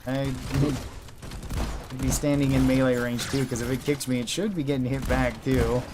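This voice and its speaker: A man's voice: mid-range voice, steady tone, moderate pace, background noise. A man giving casual, chatty commentary while streaming a video game, laughing often. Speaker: gaming streamer.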